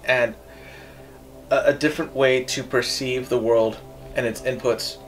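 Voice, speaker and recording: A man in a casual film review chat, meandering and halting, with some swearing. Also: mid-range voice, fairly even intonation, low-quality recording. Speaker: film review show co-host.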